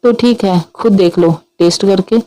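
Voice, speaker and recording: A woman's voice: medium pitch, normal speed, mellow, natural voice, low-quality recording. A woman voicing a playful, teasing young man in love in a read-aloud story. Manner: teasing, mock-innocent.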